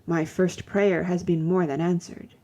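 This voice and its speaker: A woman's voice: lowish voice, little pitch movement, unhurried, warm tone. A woman voicing a devoted, humble young Spanish man, speaking earnestly and tenderly in a storybook reading.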